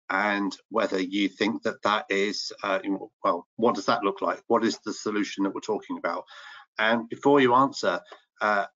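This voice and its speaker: A man's voice: on the low side, bright, forceful tone. A middle-aged man moderating an online panel through a headset on a video call. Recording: slightly dull video-call audio.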